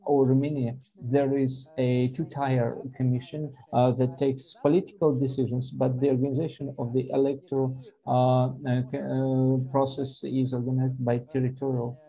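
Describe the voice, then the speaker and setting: A man working as a live simultaneous interpreter, voicing a panel speaker in a very dark, mellow tone. His delivery stays flat and level, broken by fillers and restarts as he keeps pace. The halting rhythm sounds like live interpretation. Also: medium pitch, breathy edge, rough recording.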